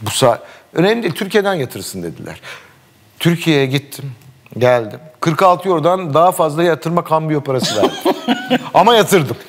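A man's voice: on the high side, expressive, moderate pace. A middle-aged man in casual talk, telling a long funny story, acting out the dialogue and laughing often. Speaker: sports commentator guest.

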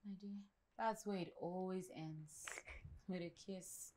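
An actress playing a frustrated young wife with a Nigerian accent, talking emphatically. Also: female voice, fairly low pitch, measured pace, mellow, a little hiss or hum, lightly acted. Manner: exasperated, emphatic.

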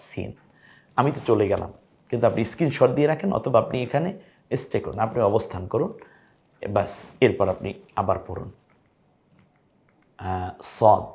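A male Quran teacher giving a recorded online lesson. He encourages his students warmly and asks and answers his own questions as he goes. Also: on the low side.

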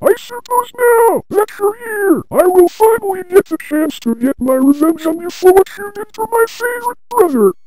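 A woman's voice: very high-pitched, expressive, normal speed, few pauses, mellow, no room sound, rough recording. A woman voicing an arrogant, vengeful male villain overlord who makes pompous, theatrical threats in a fan audio drama. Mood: scornful. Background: background music.

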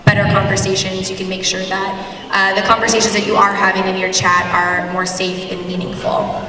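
A woman moderating a panel at a convention, explaining tools in a steady way. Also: mid-range voice, a little fast. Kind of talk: presenting a conference panel. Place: large convention hall stage. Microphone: table mic, far from camera. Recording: echoey hall from far off. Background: music in the hall.

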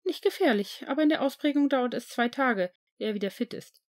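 A woman voicing a strict older female school healer in an audiobook, brisk and stern. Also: sits high, animated, voice pushed up.

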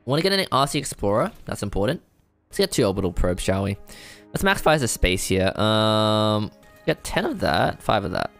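A man giving casual let's-play commentary, thinking aloud, excitable and self-deprecating as he works things out. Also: fairly low pitch, normal speed, gravelly. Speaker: gamer playing a strategy game. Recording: faint game music behind.

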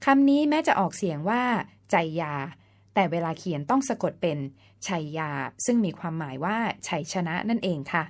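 A woman's voice: mid-range voice, a little mellow. Female storyteller and host, scripted folk-tale narration, polite and explanatory, mid-range voice. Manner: polite, explanatory, ends phrases with the particle ka; spells out words letter by letter.

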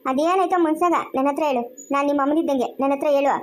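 A kindly village mother, played by a woman, with a rural Chikkaballapur Kannada accent, soothing a girl in a homemade family skit. She keeps coaxing and repeating her questions in a loud, very high voice. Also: rapid-fire, close to an everyday voice.

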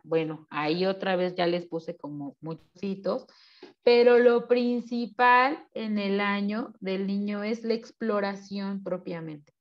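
A woman giving an online seminar talk, explaining slowly and putting questions to her audience. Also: mid-range voice, highs cut off. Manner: slow, explanatory, asks the audience questions and acts out baby and mother voices. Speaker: seminar speaker.

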